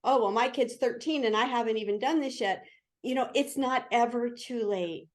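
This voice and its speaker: Woman host, reassuring and encouraging, slightly high voice. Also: normal speed. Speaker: show host. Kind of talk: hosted interview show.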